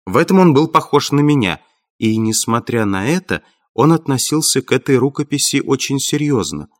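A man voicing an earnest male country doctor with a sharp, slightly creaky voice. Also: mid-range voice, big pitch swings, moderate pace.

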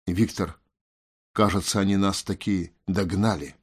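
A young seer girl, nervous and full of guilt, explaining things as if to a slow pupil, played by a male audiobook reader. Her voice sits low and measured. It is a storybook narration. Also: darkish tone. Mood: guilty, tense. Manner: apologetic, lecturing. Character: anxious young female seer, guilty and earnest.

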